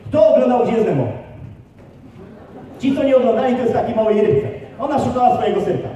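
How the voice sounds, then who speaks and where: A man giving a live motivational seminar, rallying his audience with quick questions and instructions. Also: extremely high pitch, warm tone, lo-fi sound. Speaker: motivational speaker. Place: large hall with an audience. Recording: echoey hall recorded from far off.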